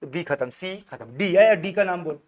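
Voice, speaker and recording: A man, his voice sitting a little high, drills a classroom through questions. He repeats each answer back and coaxes the students onward in a patient teaching manner. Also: animated, moderate pace, highs cut off. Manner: coaxing, repeats answers, calls students beta. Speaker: chemistry teacher.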